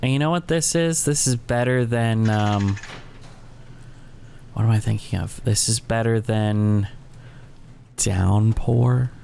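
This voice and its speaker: Gravelly-voiced man rambling over gameplay. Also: lowish voice, takes it slowly, pauses often, warm tone, slight background noise. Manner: rambling, thinks aloud with self-corrections. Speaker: gaming channel host. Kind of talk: casual let's-play commentary.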